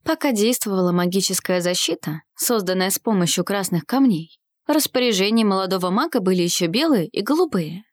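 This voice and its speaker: A woman's voice: mid-range voice, animated, a little fast, no echo. Woman narrating a fantasy audiobook, dry sound.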